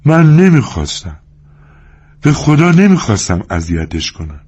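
A man voicing a big, gentle, simple-minded man who pleads in a slow, drawn-out whimper. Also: fairly high pitch, wildly swooping pitch, creaky, slightly rough, lo-fi sound, voice pushed up, exaggerated voice. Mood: pleading.

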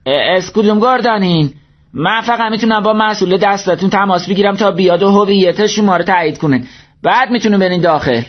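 A man's voice: high-pitched, voice pushed up, natural voice. A man voicing a stern young male military guard who barks orders, in a dull lo-fi recording. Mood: softened. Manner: barking orders.

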